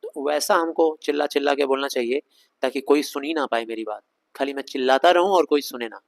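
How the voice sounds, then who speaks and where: A man teaching a Shakespeare scene line by line, reading the English slowly in an Indian accent and explaining it in conversational Hindi with rhetorical questions. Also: mid-range voice, vocal fry, low-quality recording. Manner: reads English lines slowly, explains them fast in Hindi.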